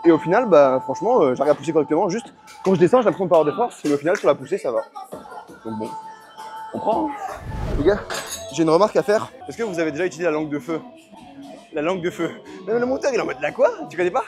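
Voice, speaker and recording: A man's voice: fairly high pitch, lively intonation, fast talker, long pauses, over music. A young man chatting casually in a rambling gym vlog, worn out after a long training session. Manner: chatty, rambling, self-correcting. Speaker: powerlifting vlogger.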